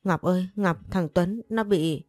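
A woman voicing a tearful older mother who speaks slowly and brokenly in her grief. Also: lowish voice, darkish tone, no echo, lightly acted. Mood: grieving. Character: grieving, weeping older mother.

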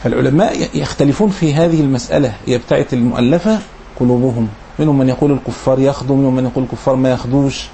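A man's voice: medium pitch, racing, creaky, warm tone, slight background noise. A man with an Egyptian accent teaching a religious lesson. He reads formal passages, then explains them in colloquial asides and repeats key phrases. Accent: Egyptian Arabic. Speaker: Islamic lecturer.

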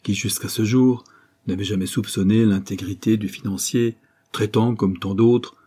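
A male narrator reads a classic serial novel aloud with measured, dramatic pacing. His voice is low and mellow, with a husky, breathy texture throughout. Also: fairly even intonation. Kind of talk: audiobook reading of a classic novel.

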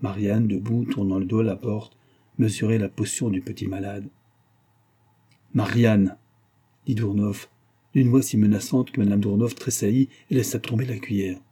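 A man reading a novel aloud as an audiobook narrator, in a measured literary way. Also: on the low side, fairly even intonation, dark tone, slightly rough. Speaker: audiobook reader. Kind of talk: scripted narration.

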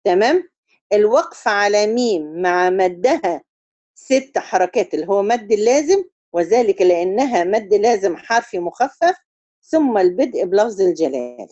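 A woman with an Egyptian Arabic accent teaching a tajweed lesson on Quran recitation. She explains step by step, keeps checking that her students follow, and chants drawn-out syllables to show the correct reading. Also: medium pitch, lively intonation, darkish tone, no echo, highs cut off.

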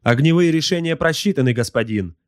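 A man's voice: fairly high pitch, animated, brisk, no echo, clean studio sound, voice pushed up, lightly acted. A man voicing a servile male bridge slave on a warship in an audiobook, reporting in clipped, formal phrases. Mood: urgent. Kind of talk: audiobook character voice.

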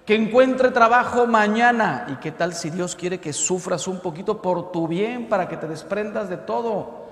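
Mexican priest preaching in an echoey hall. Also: male voice, sits high, normal speed. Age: 50s. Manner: lively, acts out voices in jokes. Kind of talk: preaching talk.

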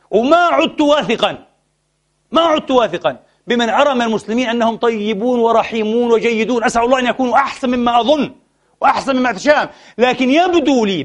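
Saddened and frustrated, a man preaches a passionate Friday sermon to those he calls brothers, his delivery rising and falling between soft and loud. His voice is very high-pitched.

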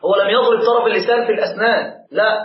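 A high-pitched man, teaching a class as a sheikh and talking quickly. He explains points and demonstrates how letters are pronounced. The recording is dull and lo-fi, in an echoey room. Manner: animated teacher, demonstrates pronunciation slowly, answers questions. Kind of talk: religious lesson to a live class.

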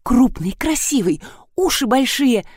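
A woman voicing an excitable older woman who dotes on her cat, pitched high and shrill. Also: unhurried, slightly rough, no echo, studio quality, heavily acted. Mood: doting. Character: frantic older woman, doting cat owner.

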